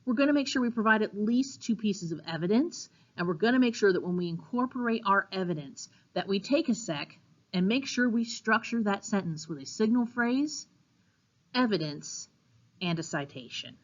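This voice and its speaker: A woman English teacher giving a recorded lecture over slides, explaining things clearly with an occasional um. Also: medium pitch, expressive, moderate pace, lo-fi sound. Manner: clear, instructive, with occasional fillers.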